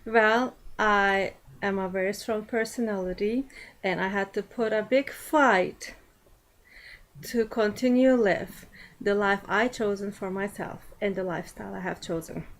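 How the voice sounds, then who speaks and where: Slow, deliberate woman giving a speech. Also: medium pitch, fairly even intonation, rough recording. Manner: slow and deliberate, with pauses and fillers. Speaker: speech class student. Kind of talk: prepared personal speech to an audience.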